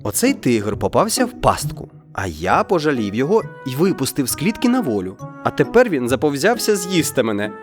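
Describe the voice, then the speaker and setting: A man's voice: medium pitch, wildly swooping pitch, fairly quick, few pauses, faint music behind. A man voicing a kind, honest villager pleading for justice in a storybook reading. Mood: earnest. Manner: earnest, pleading.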